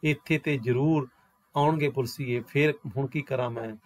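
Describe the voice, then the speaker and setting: A man's voice: mid-range voice, steady tone, moderate pace, no echo, natural voice. A man reads the lines of a middle-aged village housewife in a one-act play. She speaks anxiously and earnestly, protective of her household. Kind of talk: reading a play aloud.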